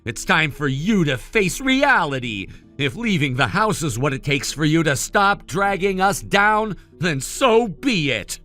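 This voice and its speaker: A man playing a scornful, higher-voiced younger brother. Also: sing-song, measured pace, hardly any pauses, bright, forceful tone, faint music behind, full character voice. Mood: contemptuous, heated. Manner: condescending, cutting, dismissive. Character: arrogant, contemptuous young medical-student brother. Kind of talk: dramatized family-conflict story dialogue.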